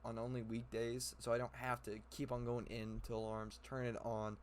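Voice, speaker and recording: A young man of middle pitch chats to his viewers from his room, telling a story in a loose vlog. He rambles and laughs as he talks, with plenty of fillers and false starts. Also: monotone, moderate pace, a little hiss or hum. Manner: rambling, laughs often, many fillers and restarts. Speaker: YouTuber. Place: his own room indoors.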